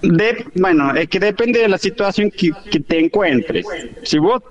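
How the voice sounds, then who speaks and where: A man in his late thirties, an Argentine chef with a Córdoba accent mixed with Mexican, telling his story in a relaxed interview. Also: high-pitched, a little slow, muffled recording. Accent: Córdoba Argentine Spanish, mixed with Mexican. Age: late 30s. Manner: relaxed storytelling, frequent restarts. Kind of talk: casual interview chat.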